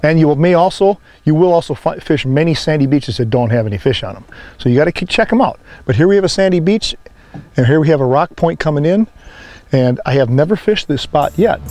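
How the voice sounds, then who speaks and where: A middle-aged man hosting a fishing show, talking outdoors on a lake boat with a lapel mic, excited as he coaxes and lands a fish. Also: on the high side, fast talker, soft background music. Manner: excited, coaxing the fish while landing it.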